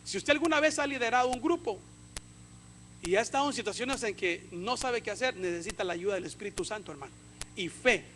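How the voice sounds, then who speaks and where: A male pastor preaches a sermon in a strikingly high, bright voice. He moves between fervent, loud passages and hushed, soft asides. A faint noise sits under the livestream recording. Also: lively intonation, a little fast.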